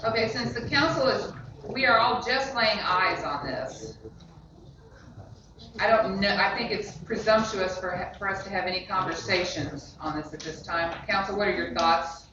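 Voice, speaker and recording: A brisk, direct woman mayor runs a public council meeting. She is picked up from far off in a very echoey room. The sound is muffled and has steady background noise. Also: medium pitch.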